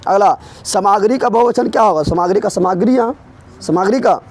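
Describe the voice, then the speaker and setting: A man's voice: high-pitched, brisk, darkish tone. A man teaching an exam-prep grammar lesson, drilling students with repeated questions and teasing them. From Bihar.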